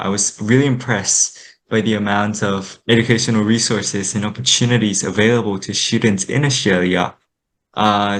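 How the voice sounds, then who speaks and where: Young male student guest from Vietnam, lowish voice, thoughtful and measured delivery with hesitations. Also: a bit bright, poor audio. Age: young adult. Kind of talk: casual interview talk.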